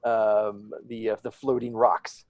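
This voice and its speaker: A man's voice: lowish voice, level tone, slow, no echo, muffled recording. A man narrating as game master, rambling with many fillers and restarts.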